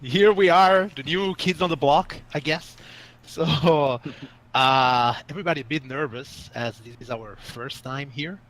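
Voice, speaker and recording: Hosting a tabletop game stream, an Italian game master speaks with frequent hesitations and plenty of filler sounds. His voice is on the high side, a bit bright, at a measured pace.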